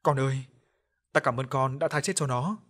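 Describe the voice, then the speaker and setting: A man's voice: medium pitch, normal speed, a bit bright, close to an everyday voice. A man voicing a remorseful older man who speaks in a choked, tearful voice, in an audio story.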